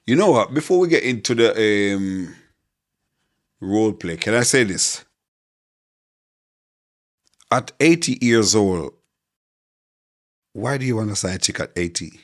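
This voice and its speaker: A man's voice: on the low side, expressive, a little slow, long pauses. A man co-hosting a casual couple podcast, speaking in an easygoing, rambling way. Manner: easygoing, rambling, repeats "you know what I mean". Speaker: podcast co-host.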